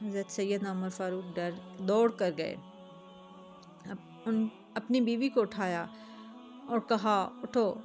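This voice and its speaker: A woman's voice: medium pitch, fairly even intonation, pauses often, a little mellow. Earnest woman narrating a religious story. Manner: earnest, addresses viewers directly. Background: faint music.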